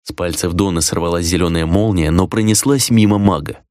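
A man narrating a fantasy novel in an expressive, dramatic reading. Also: low voice, fairly quick, clean tone, no room sound, studio quality. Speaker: audiobook narrator. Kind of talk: scripted narration.

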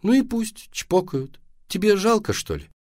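A tired, sarcastic mother answers flatly from half-sleep , as a man reads her. The lively storyteller's melody still runs through it, recorded dry. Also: high-pitched, a little slow, no room sound, voice pushed up, exaggerated voice. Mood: dry sleepy. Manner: dry and matter-of-fact.

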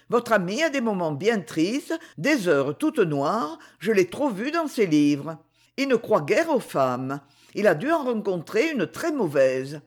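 A reader voicing a charming young courtesan who speaks softly and pleads with tenderness in a French storybook reading. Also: medium pitch.

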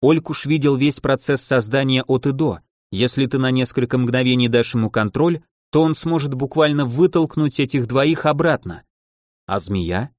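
A man's voice: mid-range voice, normal speed, no room sound, studio quality, natural voice. A man voicing a cool, calculating male mage who speaks in a level, composed way.

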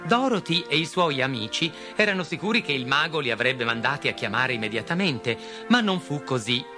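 A man narrating a fairy tale in an expressive storybook style. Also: mid-range voice, a little fast, music in the background. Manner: expressive, switching to character voices.

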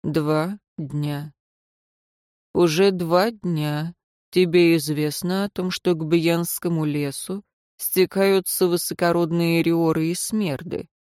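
A woman voicing a stern male royal councillor in an audiobook, questioning his subordinate slowly and coldly. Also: lowish voice, fairly even intonation, a little mellow, smooth, no echo, studio quality, close to an everyday voice. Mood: coldly interrogating. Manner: slow, cold, interrogating.

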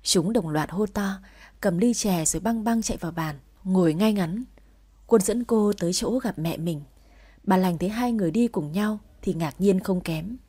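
Woman storyteller, mellow and a touch breathy, narrating and voicing lines lightly. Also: mid-range voice, moderate pace.

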